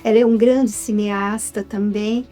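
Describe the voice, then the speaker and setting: With faint music playing behind her, a Brazilian-accented writer and actress shares stories casually as a guest in an interview. She speaks a little slowly in a steady, medium-pitched voice with a dark tone. Reflective throughout, she frequently checks that the listener is following.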